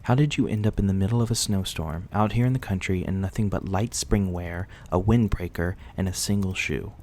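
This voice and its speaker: In an intimate ASMR roleplay, a man voices a polite, reclusive vampire who looks young, speaking softly and reassuringly with old-fashioned courtesy. His voice is low and fairly quick, carrying a slight hiss or hum.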